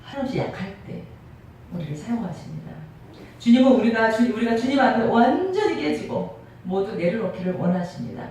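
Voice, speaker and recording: A woman's voice: on the high side, big pitch swings, fairly quick, a little mellow. Seoul-born woman pastor preaching in an echoey hall. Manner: crisp, clear-cut delivery with rhetorical questions and occasional laughs. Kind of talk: sermon. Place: church sanctuary. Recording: echoey church hall, mic at a distance, faint noise.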